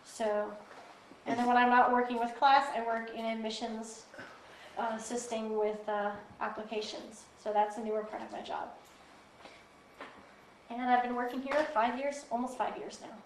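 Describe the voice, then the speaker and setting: A woman, a guide dog instructor, patiently explaining dog training in a relaxed interview. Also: fairly high pitch, normal speed, reverberant, a little hiss or hum, rough recording. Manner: calm, practical, patient explaining. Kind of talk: explanatory casual interview answers. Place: instructor's office.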